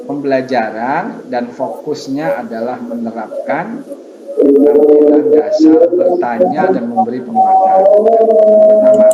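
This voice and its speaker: Man tutoring in a roomy, dull recording. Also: mid-range voice. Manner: relaxed explaining with many fillers and repetitions. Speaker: university tutor. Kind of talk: online tutorial lecture. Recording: roomy, dull sound with faint noise.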